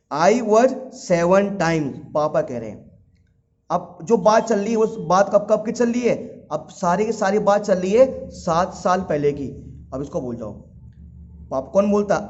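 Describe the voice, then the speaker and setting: Here a male maths teacher speaks with a high-sitting voice and a darkish tone, running a casual lesson and affectionately addressing his pupils as children. Every step gets gone over again and again as he asks questions and supplies the answers. Audio quality is lo-fi and dull.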